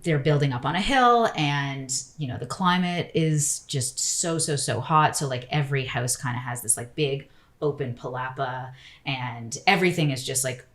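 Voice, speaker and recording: A woman's voice: rumbling low, moderate pace, fairly bright tone. A woman architect, a guest on an interview podcast, talking casually and rambling with lots of "like" and "you know".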